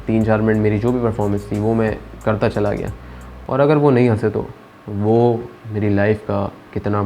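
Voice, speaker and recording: Young male vlogger, low mellow voice, relaxed reflective storytelling. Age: young adult. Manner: conversational, self-described introvert, mixes in English phrases.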